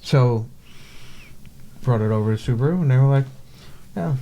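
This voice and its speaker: A man's voice: mid-range voice, fairly quick, warm tone, highs cut off, a little hiss or hum. Blunt, swearing male podcast co-host. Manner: blunt, profane complaining. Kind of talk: casual chat.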